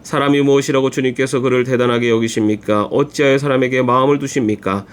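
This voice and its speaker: A man reading a long scripture passage aloud for a church, in a steady, measured voice. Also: mid-range voice. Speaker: church Bible reader.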